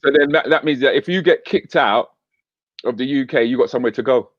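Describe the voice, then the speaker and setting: A man's voice: mid-range voice, brisk, dry recording. A British man hosting a casual online chat show, teasing his guest in a jokey, laid-back way. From Britain. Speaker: comedian host. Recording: dry, slightly muffled call audio.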